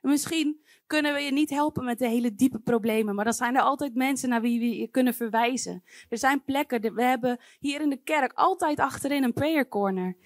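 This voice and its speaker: A woman's voice: sits high, fairly quick, no echo, studio quality. A woman preaching a sermon to her congregation, earnest and pleading, speaking directly to her listeners.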